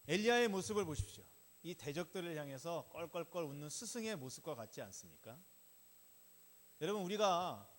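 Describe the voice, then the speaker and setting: A man preaches a sermon in Korean. He has a fairly high voice and tells the story with acted dialogue, often turning to address the congregation. His voice echoes with the long reverb of a large hall. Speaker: pastor.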